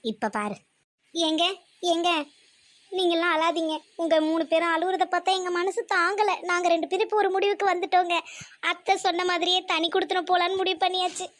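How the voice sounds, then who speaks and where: A woman's voice: extremely high pitch, fairly even intonation, a little fast, a bit bright, no room sound. A woman voicing a defiant young daughter-in-law in a family cartoon, with a sarcastic, scolding manner. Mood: mocking. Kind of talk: cartoon voice acting.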